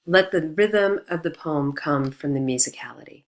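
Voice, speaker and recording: A woman teaching a recorded lesson on poetry, explaining in a measured way and reading quotations aloud. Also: low-pitched.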